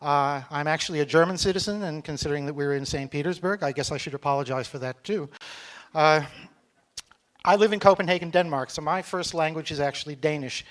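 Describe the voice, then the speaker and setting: In a conference hall, a middle-aged man from Texas gives a joking, chatty talk on stage. His voice is a little high, and he speaks slowly so a foreign audience can follow.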